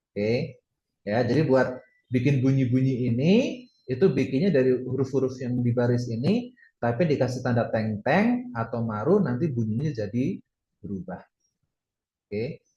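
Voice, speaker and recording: A man, teaching a casual online lesson, chatty and step by step, slowly sounding out syllables. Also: mid-range voice, a little mellow. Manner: chatty, explains step by step with many fillers. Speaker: Japanese language teacher. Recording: roomy, somewhat dull audio.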